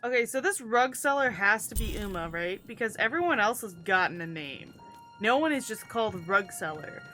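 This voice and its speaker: A woman's voice: medium pitch, expressive, normal speed, sharp tone, faint music behind. A woman giving casual, wry, rambling commentary as she plays a video game. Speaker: gamer commenting on her playthrough.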